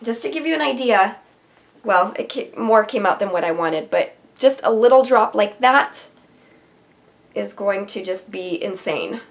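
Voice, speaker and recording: In her bedroom, with a vanity and shelves, a young beauty vlogger casually reviews makeup to camera, chatty and enthusiastic with many ums. Her medium-pitched, expressive voice is a little slow, gravelly and nasal from a cold.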